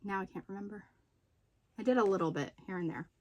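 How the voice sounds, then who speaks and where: A woman vlogger chatting casually as she shows her craft projects, slightly out of breath after being sick and pausing to recall details. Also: medium pitch, darkish tone. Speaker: crochet and knitting vlogger. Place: room at home with poor lighting.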